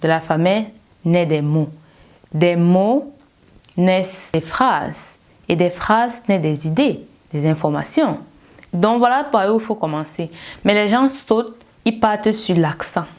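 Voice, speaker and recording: A woman with a fairly low voice talks straight to her viewers as a language coach. She delivers a motivational lecture, driving her points home with emphatic, pointed rhetorical questions. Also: animated, a little slow, darkish tone. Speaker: English learning coach.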